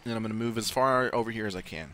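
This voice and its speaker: Speaking quickly at a fairly low pitch, this gaming video host sounds a bit bright, with a little hiss or hum on the recording. Faint game audio and video game ambience sit behind his casual let's-play talk as he thinks aloud and swears without much thought.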